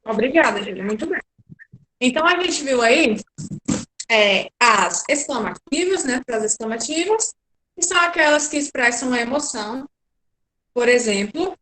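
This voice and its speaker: Bright-voiced woman teacher in an echoey room. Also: high-pitched, animated, moderate pace, slight background noise. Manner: explanatory, checks in with frequent asides, many hesitations. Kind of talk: online class lesson. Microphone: video call.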